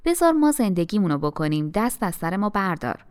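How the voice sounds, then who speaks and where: A woman reading the lines of a quiet, submissive middle-aged mother in an audiobook. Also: mid-range voice, very animated, clear, resonant tone, lightly acted. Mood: placating.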